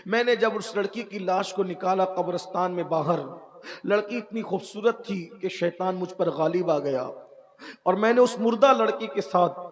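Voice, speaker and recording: A male preacher telling a story in a sermon, repeating lines and moving between hushed and loud delivery. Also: high voice. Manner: dramatic, repetitive, swings from hushed to loud. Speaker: Islamic preacher.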